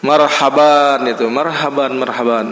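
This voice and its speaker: A man giving a casual mosque lecture, chatty and acting out small scenes with lively voices. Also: medium pitch, a little slow. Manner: conversational, acts out little scenes with lively voices. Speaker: ustaz giving a monthly study lecture. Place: mosque hall. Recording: echoey hall with long reverb.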